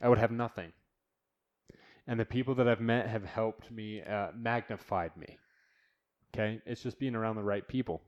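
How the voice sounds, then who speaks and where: A man's voice: fairly low pitch, fairly even intonation, normal speed, pauses often, darkish tone, dull audio. A man hosting a solo podcast from his new home studio, rambling bluntly and swearing freely. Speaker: podcast host.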